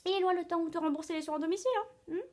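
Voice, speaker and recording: A drama student plays a chatty, self-pitying hypochondriac aunt on a video call who relishes every gory detail of her illnesses, rushing breathlessly from one complaint to the next with plenty of fillers. Her voice is high, a little mellow, and fairly even in intonation. The acting is theatrical and stage-style, with a dramatic mood and storytelling.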